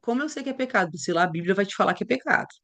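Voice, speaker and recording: Woman teaching bible stuff, chatty and lively, acts out conversations. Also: mid-range voice, very fast. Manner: conversational, animated storytelling with acted dialogue.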